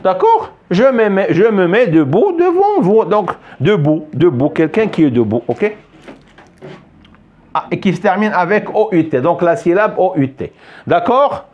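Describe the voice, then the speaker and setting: A man's voice: sits high, very animated, unhurried, lo-fi sound. A man teaching French in a classroom, patiently repeating words and asking often if the students follow. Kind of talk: classroom lesson. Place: classroom with a board.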